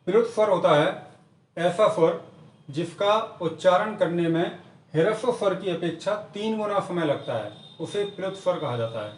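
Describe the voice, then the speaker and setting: A man teaching an exam-prep grammar lesson, repeating each definition slowly and methodically. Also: high-pitched, reverberant, distant mic. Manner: repetitive, drills definitions slowly.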